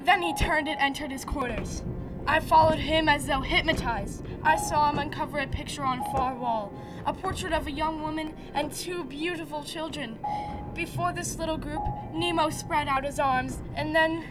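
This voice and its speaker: A woman acts out an earnest professor recounting an undersea voyage in a radio play. The voice is high and expressive, full of dramatic wonder. It sounds set back from the microphone, with music clearly behind. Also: moderate pace, distant mic, lightly acted, rough recording. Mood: grave. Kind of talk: radio theatre narration and dialogue.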